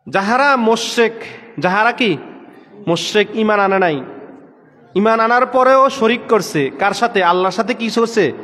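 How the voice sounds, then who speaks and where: A man's voice: high voice, fairly bright tone, in a large hall. A man preaching a sermon, asking his listeners a question on each point and answering it himself. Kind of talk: sermon with call-and-response questions. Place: gathering room with power trouble.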